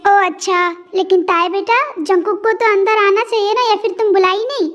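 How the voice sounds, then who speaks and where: A woman's voice: very high-pitched, steady tone, normal speed, fairly bright tone. A woman voicing a caring, protective mother in a fan-dubbed romance story. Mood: doting. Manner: doting. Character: caring middle-aged mother, fussing and protective.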